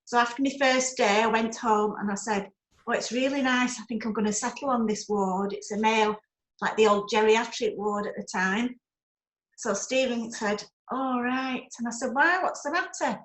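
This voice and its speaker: An older woman tells a funny story from her past in a chatty, amused way. Her voice sits fairly high, and it echoes around the room on a video call. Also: moderate pace, a bit bright. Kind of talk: telling a personal story.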